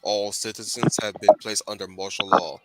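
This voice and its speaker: A man putting on a flat, metallic robot voice as a cold, official emergency announcer, reading stiff public announcements. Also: on the low side, moderate pace, crowd noise, pitched below the performer's own voice, natural voice, low-quality recording. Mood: stern. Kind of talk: casual group chat while reading a comic.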